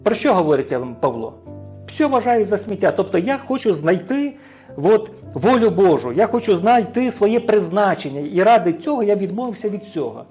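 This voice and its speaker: A man's voice: sits high, sing-song, normal speed, darkish tone, faint music behind. A man with a Ukrainian accent preaching a sermon, often asking the congregation questions and answering them himself, sometimes stumbling and restarting words. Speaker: pastor.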